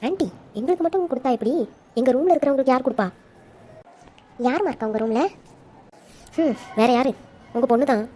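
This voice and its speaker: High-voiced woman acting out a story. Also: brisk, long pauses, slight background noise. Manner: animated, switching between characters. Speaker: storyteller voicing all roles. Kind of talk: acted audio story dialogue.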